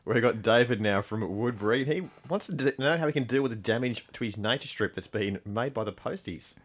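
A man with a low, magnetic voice announcing callers and details as co-presenter on a radio call-in show. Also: expressive, fairly quick.

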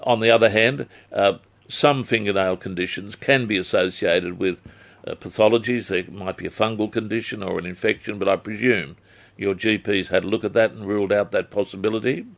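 Aussie guy doing radio health advice, fairly deep voice, careful formal wording. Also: steady tone, a little fast, vocal fry. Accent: Australian. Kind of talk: live phone-in advice.

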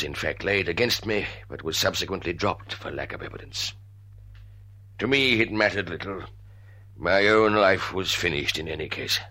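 A man's voice: deep voice, pushed and bright. An actor playing an embittered, tormented father in a radio drama, speaking and narrating with grave, dramatic intensity. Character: embittered, tormented father haunted by a blood feud.

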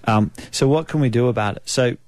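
A man with a New Zealand accent speaking as a naturopath guest, explaining in a measured way with frequent ums. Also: mid-range voice, darkish tone, no room sound. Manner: measured, explanatory, many um fillers. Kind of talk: conversational expert interview.

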